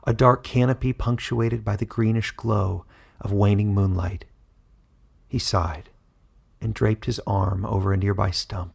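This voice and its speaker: Gravelly low-voiced male storyteller. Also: a little mellow. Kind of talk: scripted narration of a fantasy story.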